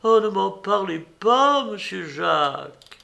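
A man voicing an excitable older female cook who gossips breathlessly, her lines jumping high and loud. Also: slow pace, creaky, exaggerated voice. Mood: flustered. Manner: shrill, flustered outbursts. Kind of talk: audiobook character reading.

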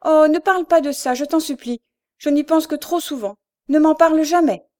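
A woman voicing a soft, pleading young girl. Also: a little high, expressive, unhurried. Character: gentle young woman hiding her failing sight.

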